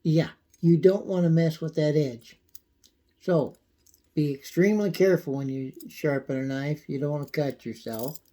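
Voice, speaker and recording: A man giving a casual, folksy how-to demonstration, his voice thin and squeaky from a coming cold. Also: dark tone. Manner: folksy, unhurried, frequent throat clearing. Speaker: video host demonstrating pocket knife care.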